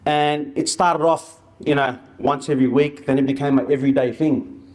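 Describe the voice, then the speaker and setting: A man's voice: on the high side, steady tone, normal speed, a little mellow. A man giving an informal presentation as an outreach worker, telling stories in colloquial, slangy language. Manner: colloquial and anecdotal, with slang and re-enacted dialogue.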